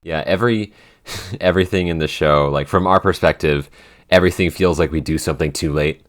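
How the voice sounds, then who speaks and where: A young man with a very deep voice talks fairly quickly in casual chat. He's a podcast host and show writer who rambles, full of fillers and restarts.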